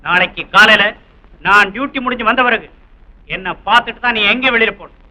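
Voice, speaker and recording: A man's voice: high voice, a little fast, pushed and bright. A stern policeman father. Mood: stern, angry. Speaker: police constable. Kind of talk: 1960s film melodrama acting. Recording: dull old film soundtrack, faint music.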